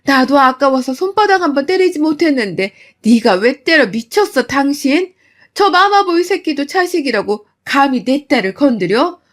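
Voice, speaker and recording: A woman voicing a furious, fiercely protective middle-aged mother who scolds and shouts threats. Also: sits high, animated, moderate pace.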